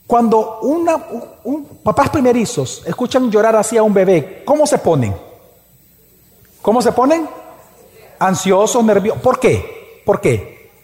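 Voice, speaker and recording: A man preaching a sermon to his congregation, asking rhetorical questions and slowing down to stress each point. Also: sits high, darkish tone. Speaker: pastor. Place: church hall. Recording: long hall reverb.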